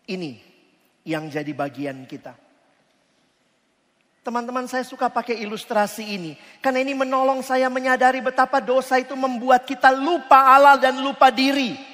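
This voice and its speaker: A man giving a lively youth sermon, joking with the crowd and asking it questions. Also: very high-pitched, a little fast, hardly any pauses. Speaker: preacher. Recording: long hall reverb.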